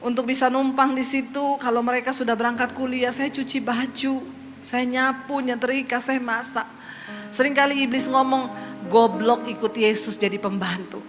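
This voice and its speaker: A woman from Sulawesi giving her testimony as a preacher, a lively storyteller who slips into voices. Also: sits high, normal speed. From Sulawesi, Indonesia. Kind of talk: testimony sermon. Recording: long hall reverb with faint music.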